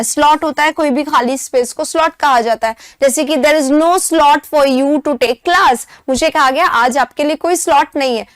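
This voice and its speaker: High-voiced Indian woman teaching vocabulary. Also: dry recording, clean studio sound. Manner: explains step by step, checks in with "है ना" and "ठीक है"; reads English prompts slowly and deliberately. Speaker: English teacher. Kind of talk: exam-prep vocabulary lesson.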